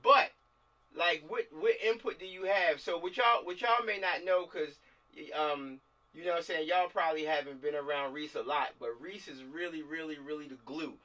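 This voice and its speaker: On distant-sounding video-call audio, a film director leading a table read speaks at normal speed in a slightly high, pushed and bright voice. He steers the group discussion casually and emphatically, using slang and repeating words for stress.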